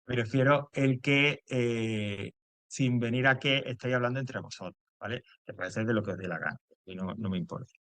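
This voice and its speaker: A man's voice: mid-range voice, moderate pace, a bit bright, dry recording. A man teaching English grammar to a class, explaining step by step and checking in often.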